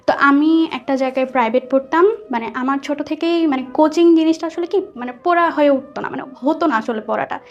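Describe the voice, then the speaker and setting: A young adult woman with a Bangladeshi accent tells a personal story as a guest, chatty and mixing in English words. Her high-pitched voice moves fairly quickly with few pauses, the highs are cut off, and soft music plays underneath.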